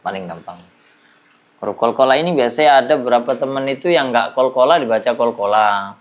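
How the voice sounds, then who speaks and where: A man's voice: mid-range voice, expressive, brisk, dull audio. A man teaching a classroom lesson on Quran recitation, explaining patiently and drilling examples.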